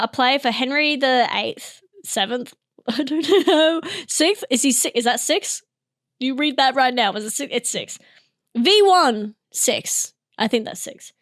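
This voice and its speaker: A woman's voice: high-pitched, lively intonation, a little slow, fairly bright tone, no room sound, studio quality. A young Australian woman hosting a comedy podcast, rambling through jokes, giggling and cutting herself off mid-thought. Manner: giggly, self-interrupting, jumps between bits.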